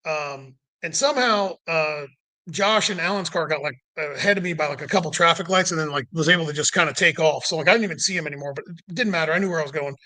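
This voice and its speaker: In a fairly high, pushed and bright voice, a fast-talking man recounts a lengthy road trip as a podcast guest. The chat is casual and meandering, packed with "like," and he performs the dialogue he quotes.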